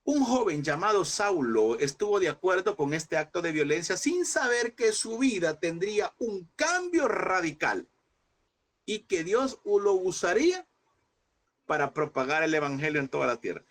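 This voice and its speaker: A man's voice: sits high, very animated, moderate pace, a bit bright. A man teaching a Bible class in a preaching style, emphatic and repeating phrases, often calling listeners brother.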